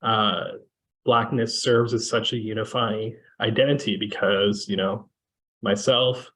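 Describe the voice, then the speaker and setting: A man from Kenya moderating a panel discussion over a video call, talking in a measured way with many fillers. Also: fairly low pitch, fairly even intonation, sharp tone, rough recording. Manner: measured, with frequent fillers and restarts.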